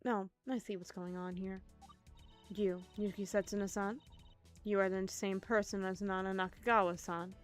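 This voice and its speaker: A woman's voice: mid-range voice, level tone, normal speed, soft background music, natural voice. A woman voicing a haughty, impatient young woman who talks down to others in a curt manner. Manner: curt, condescending.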